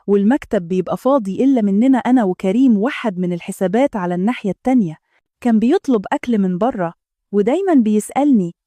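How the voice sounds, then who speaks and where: A woman's voice: mid-range voice, warm tone, no echo. A woman with an Egyptian Arabic accent telling a first-person story in scripted narration, in an intimate, confessional way.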